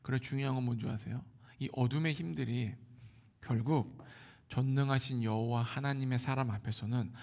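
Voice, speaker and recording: A man with a Seoul Korean accent preaching a Sunday sermon, moving between hushed near-whispers and loud exclamations. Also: mid-range voice, moderate pace, creaky. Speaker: pastor.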